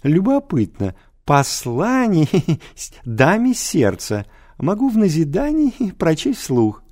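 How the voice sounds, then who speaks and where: A man voicing a plump, red-haired, spiteful male schoolteacher who titters with a high laugh through his words, in an audiobook. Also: huge pitch swings, slow pace, a little mellow, exaggerated voice. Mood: mocking giggle.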